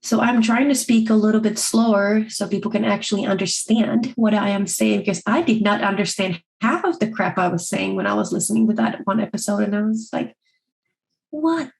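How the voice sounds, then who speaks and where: A young adult woman co-hosting a podcast, talking fast and a little mumbled in casual, self-deprecating chat. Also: mid-range voice, fairly even intonation, creaky, a little mellow, low-quality recording. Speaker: podcast co-host.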